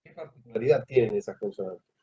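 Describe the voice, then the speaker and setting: A man teaches a class, his voice dark and a little husky. He checks in with the students through questions and leaves phrases hanging. The sound is dull and lo-fi, like a classroom recording. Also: fairly low pitch. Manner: asks the class questions, pauses mid-phrase. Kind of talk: classroom lecture.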